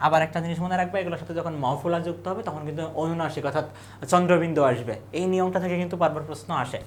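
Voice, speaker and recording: Tutor, young adult, fires off quiz questions then rattles off the answers, mid pitch. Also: a little hiss or hum. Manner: asks quiz questions and answers them in quick lists. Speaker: admission exam tutor. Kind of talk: exam revision lesson.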